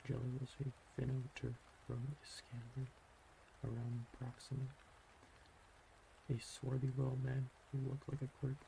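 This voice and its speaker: A man reads a military sci-fi tale in a soft, hushed, under-the-breath voice. His delivery is extremely even, with heavy vocal fry, and he now and then trips and repeats a phrase. Steady rain sounds clearly behind him. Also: medium pitch, a little slow, background noise. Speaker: reader. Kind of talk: quiet audiobook-style reading of a military science fiction story.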